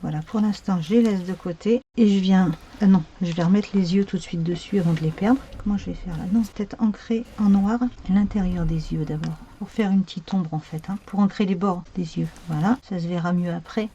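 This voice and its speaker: Mellow-voiced woman chatting through a craft tutorial. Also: lowish voice, brisk, few pauses, breathy edge, lo-fi sound. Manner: chatty, thinking aloud with many fillers.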